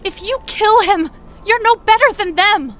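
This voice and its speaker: An actress playing a panic-stricken young woman in a dark fantasy audiobook, pleading urgently with a shaky delivery. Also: high voice, normal speed. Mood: panicked.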